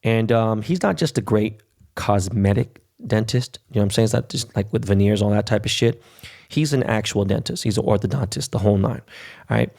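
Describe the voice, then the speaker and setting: A man's voice: on the low side, brisk, creaky, a little mellow. A middle-aged man hosting a podcast solo, telling personal stories in a casual, slangy, profanity-laced way. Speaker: podcast host.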